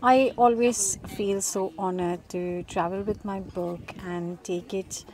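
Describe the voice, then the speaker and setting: A middle-aged woman food vlogger narrating casually and unscripted, with frequent ums and pauses. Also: mid-range voice, fairly even intonation, darkish tone. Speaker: food vlogger and cookbook author. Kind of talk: casual vlog voice-over narration. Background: music behind the voice.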